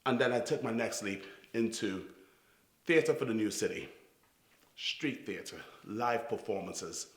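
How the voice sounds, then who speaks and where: A Trinidadian man in his forties, a youth theatre founder and director, tells his life story to camera in a fairly low voice. His accent has been softened by years in New York, and he speaks earnestly and haltingly, often restarting his phrases. The room sounds echoey.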